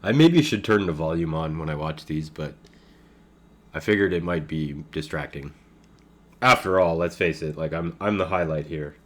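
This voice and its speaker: A man with a deep, low voice narrates his own online poker session live. He thinks aloud in a loose, casual way, trailing off with fillers and laughing at his own asides. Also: normal speed, fairly bright tone. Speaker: poker streamer commenting his own play. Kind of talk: casual live game commentary.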